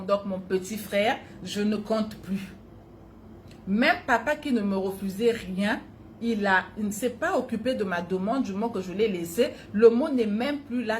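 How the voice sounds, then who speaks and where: A woman's voice: mid-range voice, a little hiss or hum. A woman coach giving a motivational talk, telling her own childhood story and speaking directly to her listeners. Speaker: personal development coach.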